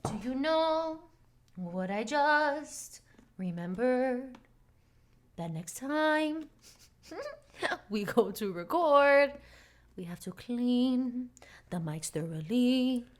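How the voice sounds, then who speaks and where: Lively, teasing woman co-hosting a podcast. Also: high-pitched, drawn-out words, long pauses. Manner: playful, teasing, swears freely. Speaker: podcast co-host. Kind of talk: casual podcast chat.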